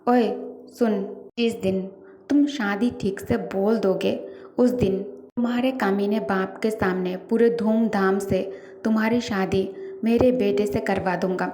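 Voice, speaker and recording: A woman's voice: medium pitch, fairly even intonation, slow, slight background noise. A woman voicing a stern scolding father. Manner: sharp, scolding. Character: stern protective father scolding young men. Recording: roomy echo.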